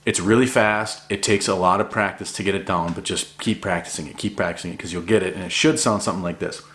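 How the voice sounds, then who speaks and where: A man's voice: sits low, fairly even intonation, fast, noisy background. A man giving an informal, encouraging hobby tutorial in a laid-back, conversational way. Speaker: hobby hunter giving a duck calling tutorial. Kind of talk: casual instructional talk.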